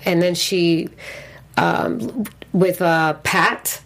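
A woman co-hosting a TV after-show, recapping an episode in casual, animated chat. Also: on the low side, vocal fry. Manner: animated, quick to react with affirmations and laughs.

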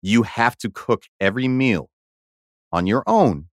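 A male podcast co-host in loose, laughing banter who stumbles over and repeats his words as he builds a story. He sits at a middle pitch and sounds close and dry, with no room around him. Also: expressive, unhurried, dry recording. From Haiti. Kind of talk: casual chat.

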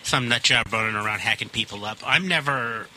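A radio co-host asking a guest a long, rambling question full of fillers and restarts. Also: male voice, mid-range voice, a little fast, bright, forceful tone, slight background noise, rough recording. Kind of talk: casual talk show question.

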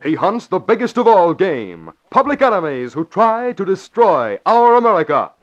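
A man's voice: high voice, huge pitch swings, normal speed, music in the background. A male announcer and narrator of an old radio show, delivering sponsor lines and narration in an emphatic, declamatory way. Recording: muffled old radio broadcast.

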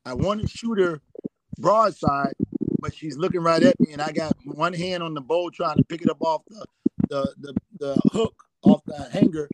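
A man's voice: fairly high pitch, normal speed, a crowd in the background, rough recording. A middle-aged man telling rambling hunting anecdotes as a guest, often repeating "I said.". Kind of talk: storytelling anecdotes.

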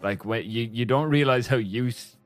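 A man's voice: medium pitch, moderate pace, soft background music. A man chatting casually as a podcast co-host, with a very slight lisp from aligners on his teeth and a hesitant, careful delivery. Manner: hesitant, restarting, careful with S sounds. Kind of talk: casual chat.

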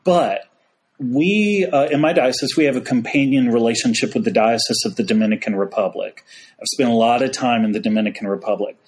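A man's voice: mid-range voice, brisk. Man, folksy storyteller, priest on a podcast, casual chat. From United States. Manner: folksy storyteller, frequent "y'all". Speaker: Episcopal priest, podcast guest.

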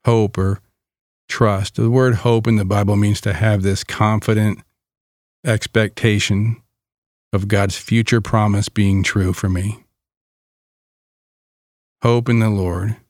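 Very slow, calm man guiding meditation. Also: lowish voice, no room sound, clean studio sound. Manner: calm, soothing, gentle delivery with long pauses. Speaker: guided meditation leader.

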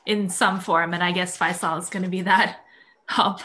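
A woman's voice: lowish voice, fairly even intonation, moderate pace, pushed and bright. A woman co-hosting a podcast in a casual chat about a TV show, making wry, joking remarks. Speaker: podcast co-host.

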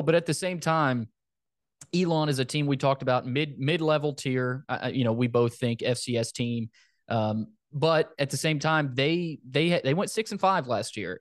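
A medium-pitched man previews football on his sports podcast in a casual, stop-start way, often repeating words and phrases. The sound is clean studio audio with a dry recording.

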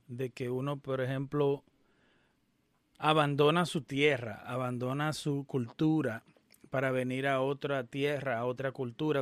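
A man's voice: medium pitch, dry recording. Emphatic man commenting over a clip. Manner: emphatic, opinionated, interrupts the clip to explain. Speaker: commentator reacting to an interview clip. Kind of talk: casual commentary.

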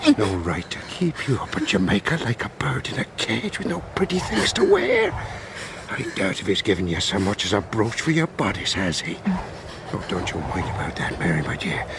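An actor playing a lecherous, violent wrecker in a radio drama, leering and taunting. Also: male voice, lowish voice, wildly swooping pitch, moderate pace, creaky, background noise, full character voice. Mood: wheedling. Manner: leering, taunting, then howling in pain.

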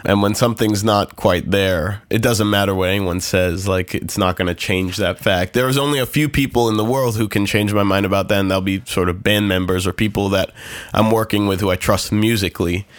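Low-voiced man in casual, close-sounding conversation. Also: fairly even intonation, fairly quick, no echo. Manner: self-deprecating, laughs easily. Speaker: musician, podcast guest.

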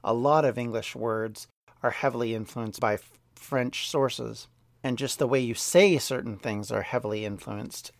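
A man hosting a history podcast, talking through the topic in an unscripted explainer style, thoughtful, sometimes restarting words and slowing to stress key points. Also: medium pitch, creaky, no echo, studio quality. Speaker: podcast host.

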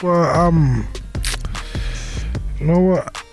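Young male rapper guest, London roadman accent, higher-pitched voice, halting slangy chat, music behind him. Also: darkish tone. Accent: London, urban street slang. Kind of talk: casual interview chat.

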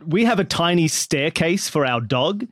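A man on a comedy panel game, telling rambling, animated stories. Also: a little high, moderate pace, dry recording, clean studio sound. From Australia.

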